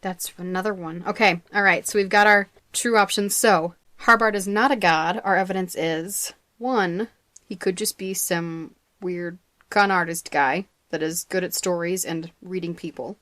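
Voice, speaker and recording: A woman's voice: lowish voice, steady tone, moderate pace, fairly bright tone, no echo. A young woman co-hosting a podcast in casual chat, laughing often and stumbling over words. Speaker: podcast co-host.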